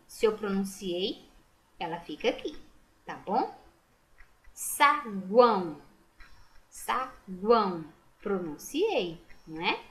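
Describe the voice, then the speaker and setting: A woman's voice: medium pitch, a little mellow. A Brazilian woman teaching a primary school lesson, patiently sounding out words syllable by syllable. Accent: Brazilian Portuguese. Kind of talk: recorded remote class lesson.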